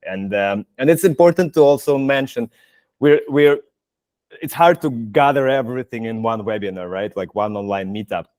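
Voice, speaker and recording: Laughing, animated male host. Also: medium pitch, no room sound. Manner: animated, laughing, restarts sentences. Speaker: community project host. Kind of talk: casual online Q&A. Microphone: video call.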